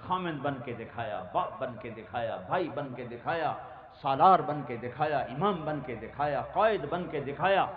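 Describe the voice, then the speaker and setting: A man's voice: medium pitch, animated. A man preaching an emotional sermon, reciting verse and long rhythmic lists with rising passion. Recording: echoey, dull lo-fi hall recording.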